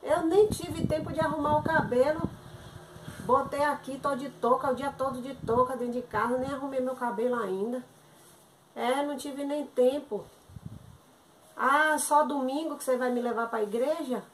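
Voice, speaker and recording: A woman performs a one-sided comic phone call at home. She sounds chatty and exasperated, pleading and complaining, with a slightly high voice. The recording is echoey, with loud household noise behind her. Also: moderate pace. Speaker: content creator acting a comic sketch.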